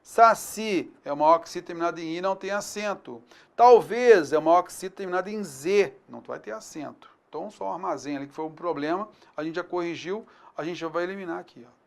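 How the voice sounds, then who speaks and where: A man with a Brazilian Portuguese accent teaching an online exam-prep grammar lesson, upbeat and energetic, stressing key words loudly. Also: high-pitched, brisk, creaky.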